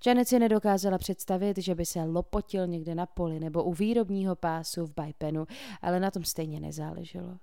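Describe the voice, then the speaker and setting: Woman, audiobook narrator, steady clear reading, lowish voice, dry recording. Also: no room sound. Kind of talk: scripted narration.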